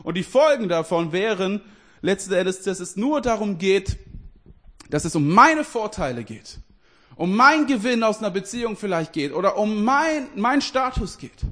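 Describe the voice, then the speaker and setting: High-voiced German-speaking preacher, informal. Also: male voice, sing-song, moderate pace, fairly bright tone. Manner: informal, addresses listeners directly, laughs often; restarts and self-corrections. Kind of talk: casual sermon.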